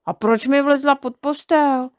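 A man's voice: extremely high pitch, fairly even intonation, voice pushed up. A woman doing a jumpy stammering little shorty. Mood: frightened. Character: small timid boy shorty, easily scared.

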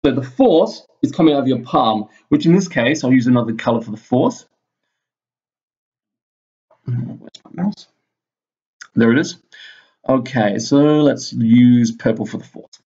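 A physics teacher records an informal lesson as a voice-over at his computer indoors, his average-pitched voice captured dull and lo-fi. He thinks aloud, building the explanation haltingly step by step, with lively intonation and a warm tone.

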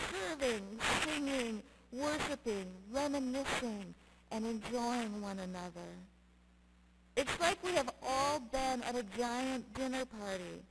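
A middle-aged Lutheran pastor, a woman with a slightly high voice, preaches from the pulpit of a church sanctuary in measured, emphatic short phrases, reading scripture as part of her sermon. A gooseneck pulpit mic picks her up, and the church recording is clearly noisy.

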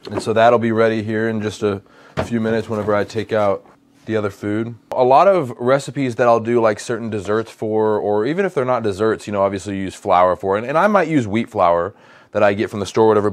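Cooking indoors at home, an American man in his thirties talks conversationally for his lifestyle vlog and repeats phrases to stress them. He has a lowish voice, speaks a little fast, and the recording is dry.

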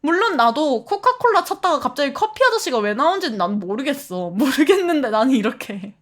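A woman streamer chatting casually with her viewers, animated, laughing often and reading the chat aloud. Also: high-pitched, fairly quick.

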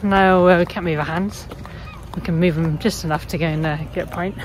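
A woman's voice: on the low side, steady tone, fairly quick, a little hiss or hum. Chatty woman vlogging from a van. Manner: chatty, self-mocking, laughs often. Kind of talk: casual vlog chat. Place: inside a small camper van at night. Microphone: handheld phone camera at arm's length.

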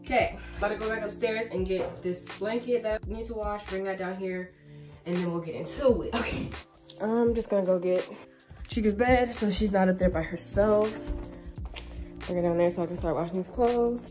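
Talking fairly quickly in a mellow, mid-range voice, this American woman in her twenties does household chores and chats to camera in casual slang. The recording, made with a camera or phone placed away from her in house rooms, the bedroom and basement, has roomy echo and background music.

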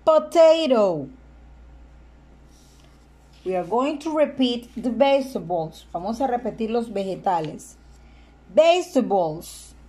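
A woman teaching a language lesson, slowly and deliberately repeating each word for the listener to echo. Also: a little high, big pitch swings, dark tone, husky. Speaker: English teacher. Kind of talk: slow bilingual vocabulary lesson.

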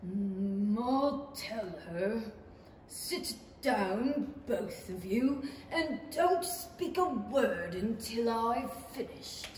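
A mournful, easily offended turtle acted by a woman, ponderously slow yet swooping in pitch. The radio-play delivery is doleful and echoes through a hall. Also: lively intonation, slight background noise. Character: mournful, touchy old-fashioned Mock Turtle creature. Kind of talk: 1930s-style stage radio play acting. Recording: echoey hall, distant mic.

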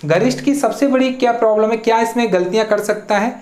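A teacher with a medium-pitched, slightly mellow voice moves at a quick pace through an exam-prep spelling lesson in an echoey room. Questions are asked and then answered, and words get spelled out one syllable at a time.

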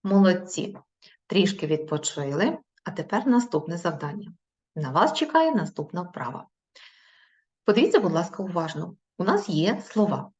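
A woman teacher giving a recorded video lesson to young children, praising them and reading words out slowly and clearly. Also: lowish voice, sing-song, darkish tone, dull audio. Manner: slow, clearly spoken dictation of syllables; encouraging, praising pupils.

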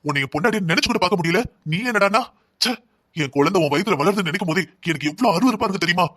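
A man's voice: high voice, lively intonation, rapid-fire, bright, forceful tone, full character voice. A young man voicing a stubborn, resentful husband in a cartoon drama, speaking harshly and defiantly. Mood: contemptuous.

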